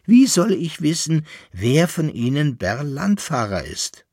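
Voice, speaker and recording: A man voicing an eager, talking poodle dog in a storybook reading, with a husky, lively voice. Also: fairly high pitch, no echo, studio quality, pitched above the performer's own voice, exaggerated voice. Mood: indignant. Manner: eager, quick to protest.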